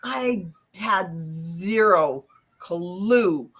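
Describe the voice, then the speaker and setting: A woman hosts a casual interview, emotional and expressive in how she talks. Her voice sits fairly low, and she laughs easily as she shares her stories. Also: drawn-out words, slightly rough. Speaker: host.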